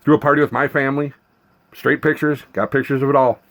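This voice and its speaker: A man's voice: mid-range voice, steady tone, fast, a bit bright. Aggrieved man ranting with heavy swearing. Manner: aggrieved, profane, emphatic, repetitive. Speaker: vlogger documenting a personal grievance. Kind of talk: unscripted personal rant.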